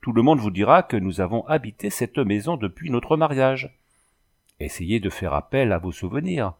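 A man's voice: mid-range voice, big pitch swings, moderate pace, vocal fry. A man voicing an earnest young husband who keeps pressing his wife with questions. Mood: urging.

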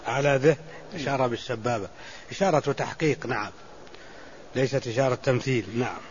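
A man teaching as a sheikh, giving a classical religious lesson and explaining slowly with repeated words and restarts. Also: medium pitch. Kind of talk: classical Islamic lesson commentary. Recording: muffled lo-fi recording with faint hiss.

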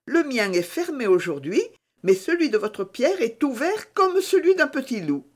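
A woman's voice: high voice, very animated, moderate pace, voice pushed up. Woman playing a young peasant woman, coaxing and teasing, lilting delivery. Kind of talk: audiobook character reading.

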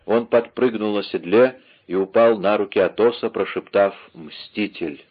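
A man narrating an adventure novel aloud in a dramatic, lively reading style, on a slightly dull recording. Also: lowish voice, moderate pace. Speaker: audiobook narrator. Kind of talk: scripted narration.

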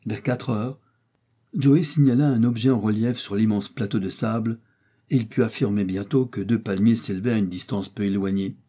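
An audiobook narrator with a slightly rough voice on the low side reads a classic novel. His scripted storytelling stays measured and even throughout.

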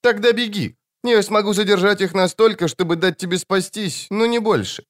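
Eerie smoke demon with a childlike high voice, quiet and calm, put on by a male audiobook reader. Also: normal speed, natural voice. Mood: sad.

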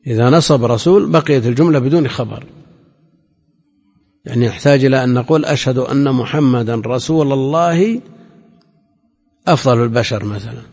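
A man's voice: mid-range voice, darkish tone, slightly rough. A man, a religious scholar, giving a classroom lecture and explaining grammar point by point. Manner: explains grammar point by point, chanting quoted phrases. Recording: long hall reverb.

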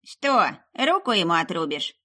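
A woman's voice: medium pitch, animated, normal speed, pushed and bright, pitched above the performer's own voice. A woman putting on a bossy old witch. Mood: scolding. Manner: scolding, folksy grumbling. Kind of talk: audiobook character voice.

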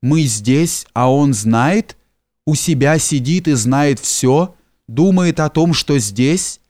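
A man's voice: a little high, expressive, takes it slowly, darkish tone, no room sound. A man reading the lines of a distraught young noblewoman, breathless and frantic, in a dry recording. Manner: breathless, frantic, half-whispered.

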